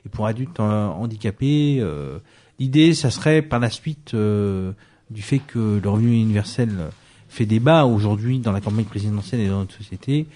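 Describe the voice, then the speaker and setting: A man's voice: lowish voice, lively intonation, normal speed, warm tone. A man presenting an article on a radio show, speaking hesitantly with frequent fillers. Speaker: news columnist. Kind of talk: radio press review.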